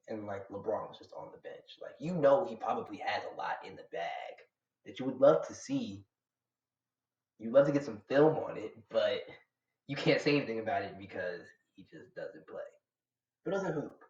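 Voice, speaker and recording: A young Atlanta man streams live, reacting to manga and answering his chat in a long, casual, slangy ramble. His voice has an ordinary middle pitch and is a little mellow. The recording sounds roomy, slightly muffled and dull.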